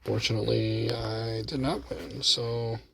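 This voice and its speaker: A man's voice: fairly low pitch, level tone, unhurried, vocal fry, far from the mic, background noise. A man talking casually from inside his parked car, cussing often and calling his viewers bro while commenting on his play. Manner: laid-back, swears often, calls viewers bro. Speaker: gambling strategy vlogger.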